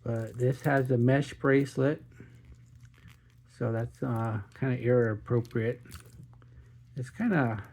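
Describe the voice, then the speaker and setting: Gravelly man chatting through an unboxing. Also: medium pitch, fairly even intonation, takes it slowly, long pauses, a little mellow. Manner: jokey, punning, chatty. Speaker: watch reviewer, channel host. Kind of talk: casual unboxing chat.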